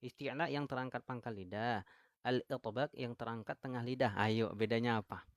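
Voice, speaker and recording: A man with an Indonesian accent teaches Quran recitation on a live stream, at an ordinary middle pitch. He quizzes his viewers and reads their comments aloud. The sound is dry and close, with no room echo. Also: normal speed. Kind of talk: live-stream tajwid lesson.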